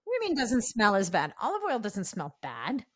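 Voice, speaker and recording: A woman's voice: mid-range voice, huge pitch swings, brisk, fairly bright tone. A woman born in Morocco, hosting a podcast and chatting casually, with brief, direct interjections. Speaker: podcast host.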